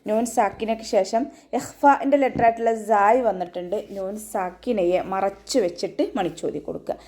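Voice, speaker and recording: Woman, recitation teacher for an online tajweed class, warm, mid-pitched, methodical. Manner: steady step-by-step instruction, often ending with a gentle check-in; breaks into slow, high, sustained chanting for verse examples.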